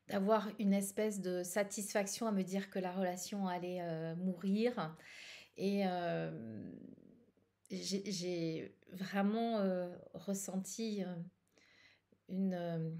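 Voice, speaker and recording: Hesitant French-speaking woman, mellow voice. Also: medium pitch. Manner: hesitant, many fillers and restarts. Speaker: tarot channel host. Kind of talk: casual personal chat.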